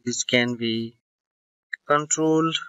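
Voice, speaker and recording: Bright-voiced man narrating a tech tutorial. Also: medium pitch, slow pace, clear, resonant tone, dry recording, highs cut off. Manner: explanatory, with fillers and self-corrections. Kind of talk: screen-recording tutorial voice-over.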